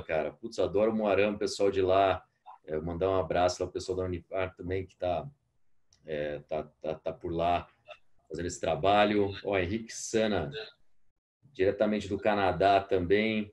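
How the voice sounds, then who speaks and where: A man's voice: deep voice, darkish tone. A young adult man with a Brazilian Portuguese accent, hosting a live online masterclass and chatting while reading out audience messages.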